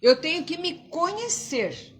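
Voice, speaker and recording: A woman's voice: very high-pitched, big pitch swings, a little slow, fairly bright tone. A woman giving an informal religious lecture at a spiritist center, talking conversationally, asking rhetorical questions and acting out quoted thoughts.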